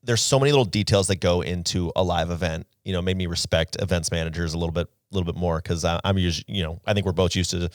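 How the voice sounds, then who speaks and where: A man co-hosting a podcast in a casual chat, telling stories in a quick, animated way. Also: deep voice, no room sound, clean studio sound. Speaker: podcast co-host.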